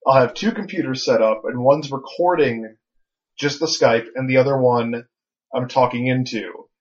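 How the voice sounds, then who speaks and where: A man's voice: mid-range voice, normal speed. A man co-hosting a podcast in joking, easygoing chat, talking into a phone. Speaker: podcast co-host. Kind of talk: casual chat. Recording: lo-fi phone-mic recording.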